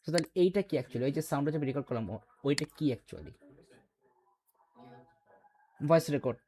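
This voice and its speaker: Mellow-voiced man teaching a class. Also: fairly high pitch, normal speed. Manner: quizzes students, explains step by step. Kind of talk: classroom lecture.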